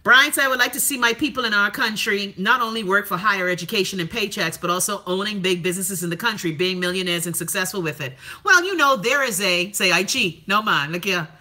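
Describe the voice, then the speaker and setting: A Bahamian woman hosts a livestream, reading viewer comments and chatting in a sassy, profane, animated storytelling style. Her mid-range voice is brisk, with hardly any pauses.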